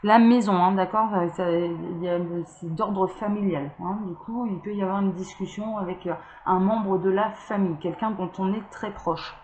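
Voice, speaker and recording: A woman's voice: medium pitch, fairly even intonation, moderate pace, few pauses, darkish tone, muffled recording. A woman doing a casual, rambling tarot card reading to camera, chatty, with many fillers and small laughs. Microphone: camera mic. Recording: roomy echo, faint background hiss.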